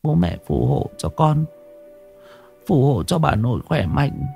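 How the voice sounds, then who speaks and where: A man's voice: animated, normal speed, faint music behind, natural voice. A man voicing a frightened young bride who pleads tearfully with her grandmother. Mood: quiet prayer. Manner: pleading, tearful, raised pitch.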